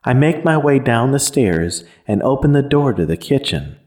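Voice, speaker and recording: A man's voice: mid-range voice, big pitch swings, moderate pace, darkish tone. Guy reading a creepy first-person story, somber, voice moves around a lot. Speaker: narrator.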